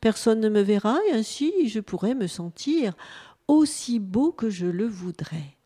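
A woman's voice: medium pitch, expressive, a little slow, mellow. A woman reading a storybook aloud and voicing a lonely male bunyip creature who keeps asking what he looks like. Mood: hopeful. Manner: eager, pleading questions.

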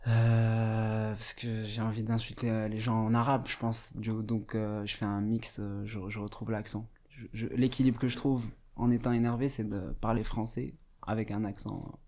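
A young Moroccan man whose first language is Arabic is a guest in a radio studio, speaking casually, hesitantly and thoughtfully with many fillers and restarts. His warm voice is fairly low, with little pitch movement and a moderate pace.

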